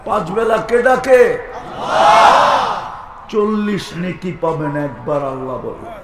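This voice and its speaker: A man preaching a live sermon, calling questions out to the crowd, shouting emphatic lines and chanting Arabic verses. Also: high-pitched, very animated, measured pace, roomy sound, heavy background noise.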